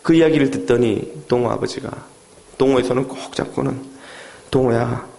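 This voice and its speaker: A man's voice: mid-range voice, a little fast, vocal fry, dark tone. A middle-aged man preaching a sermon, telling a story dramatically and acting out the people in it. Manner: dramatic storytelling that acts out the quoted voices. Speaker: pastor.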